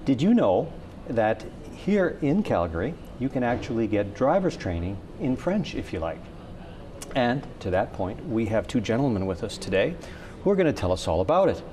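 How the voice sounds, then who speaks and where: A man hosting a community TV talk show, asking relaxed, friendly questions in a studio interview. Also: medium pitch, normal speed, slight background noise.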